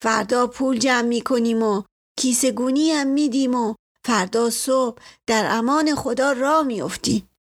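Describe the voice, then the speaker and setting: A woman's voice: on the high side, pitched above the performer's own voice, lightly acted. A woman voicing a weary older village man. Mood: resigned.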